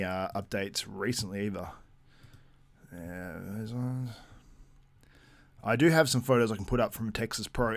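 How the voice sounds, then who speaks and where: A man's voice: fairly low pitch, creaky, no echo. A man hosting a casual live-stream, chatting loosely and reading out viewer comments between laughs. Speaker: livestream host.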